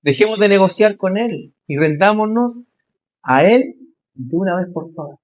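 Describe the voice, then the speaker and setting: A man's voice: sits high, expressive. Man preaching with emphatic questions. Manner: preaching with rising emphatic questions and slow stressed repeats. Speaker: pastor. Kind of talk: sermon.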